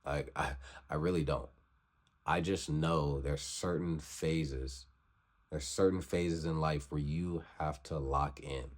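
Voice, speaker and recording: Deep-voiced young man urging hard work. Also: steady tone, slow. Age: 20s. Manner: repetitive, preachy, urging. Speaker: vlogger. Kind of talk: motivational vlog talk.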